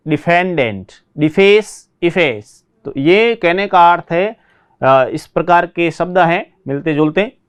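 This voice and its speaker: A man teaching English vocabulary in a classroom lesson, repeating word pairs slowly and explaining them in Hindi. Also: a little high, smooth.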